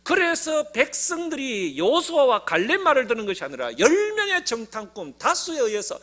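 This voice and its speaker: A man's voice: extremely high pitch, huge pitch swings, moderate pace, sharp tone. A middle-aged man with a Gyeongsang accent preaching a sermon, telling the story with animation and having the congregation repeat key phrases after him. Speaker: pastor.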